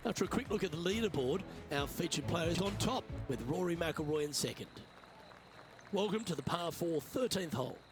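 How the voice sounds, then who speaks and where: A man playing a composed lead golf commentator, calling each shot in a measured broadcast style for a video game. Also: on the high side, animated, music in the background, lightly acted. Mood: composed, engaged. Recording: crowd and outdoor ambience behind.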